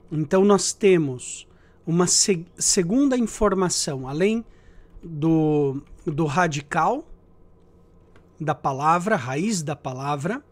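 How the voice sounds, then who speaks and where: A man teaching Latin grammar in a lecture, explaining slowly and checking in with his students, and chanting verb endings. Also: on the high side. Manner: slow and deliberate, checks in with "tá?" and "né?".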